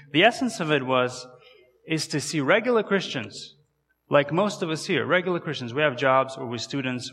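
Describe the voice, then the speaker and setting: A guest missionary speaker in his thirties, a man from Kazakhstan with an accent from there, gives a conversational sermon in a church and puts questions to the audience. His voice is medium in pitch and a bit bright, with a long reverb tail.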